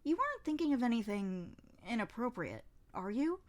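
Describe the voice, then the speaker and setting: This is a scheming young nobleman who talks smoothly and without shame, teasing and wheedling. His lines ride a lively, swinging pitch that leaps up high, read by a woman narrating a storybook. He never stops pushing. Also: moderate pace.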